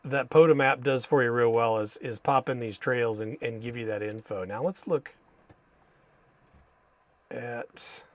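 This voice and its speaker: An American man hosting a casual live stream, thinking aloud haltingly and saying Spanish names with an American accent. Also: medium pitch. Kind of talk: casual live stream commentary while reading maps.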